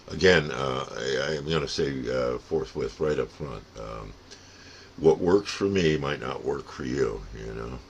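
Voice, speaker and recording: Speaking in a bass voice with slight background noise, an older radio hobbyist who hosts his own channel rambles through a casual, folksy explanation. His manner is plain-spoken.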